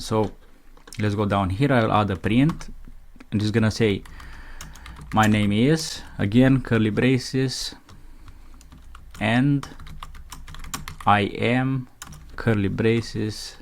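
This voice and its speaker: In a screencast coding tutorial, a programming instructor with a lowish voice slowly and methodically reads out code as he types it. Keyboard clicks sound behind him, along with a little hiss or hum.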